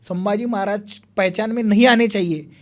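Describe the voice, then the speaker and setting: A young man, a history speaker, telling a long story in animated conversation and acting out what people said. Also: high voice, normal speed. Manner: animated retelling with repeated phrases, acts out quotes.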